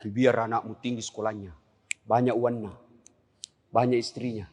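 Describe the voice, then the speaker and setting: A middle-aged man with a South Sulawesi accent preaching a comic sermon, animated and joking, swinging between high and low registers. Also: moderate pace, slightly rough. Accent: South Sulawesi (Makassar) Indonesian. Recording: long hall reverb.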